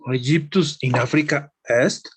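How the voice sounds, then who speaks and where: A male student with a husky voice, reading lines and answering questions in a slow, hesitant way. He sounds a little unsure at times, pausing before his answers. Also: mid-range voice.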